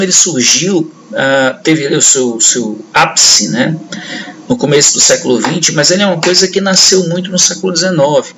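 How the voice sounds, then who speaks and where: A man's voice: medium pitch, gravelly, fairly bright tone, slight background noise, poor audio. A man giving a history lecture to students, talking conversationally and checking in with his class often. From northeastern Brazil. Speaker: history teacher.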